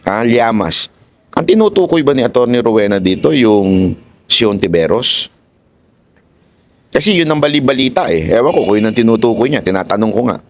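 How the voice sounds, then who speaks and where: A man's voice: medium pitch, sing-song, moderate pace, dry recording. A man with a Filipino accent delivering casual political commentary in a heated, mocking rant, with bits of English mixed in. His voice sits mid-range, and the recording is dry and close with no room sound.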